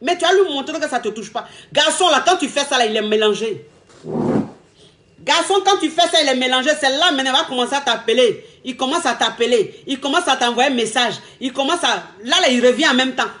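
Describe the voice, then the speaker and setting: A woman, giving emphatic, casual relationship advice as a coach. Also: high-pitched. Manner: lively, emphatic, repetitive, laughing often.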